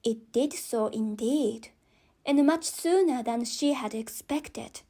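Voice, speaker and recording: A woman's voice: fairly high pitch, slow, dark tone, husky. A woman with a non-native English accent reading a children's story as an audiobook narrator.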